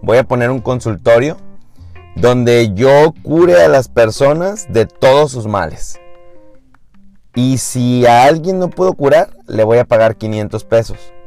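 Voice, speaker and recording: A man voicing a sly, experienced old doctor who speaks calmly and smugly. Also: medium pitch.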